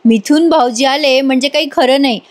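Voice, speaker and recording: A woman's voice: high voice, brisk, close to an everyday voice. A woman voicing an anxious older mother who frets over her son. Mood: fretting. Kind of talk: voice-over retelling of a TV serial.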